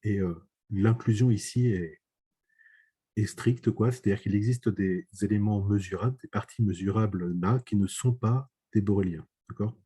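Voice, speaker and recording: Male math teacher, low dark husky voice, halting lecture delivery with constant "d'accord?" checks. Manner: hesitant, many fillers and checks for understanding. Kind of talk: online lecture.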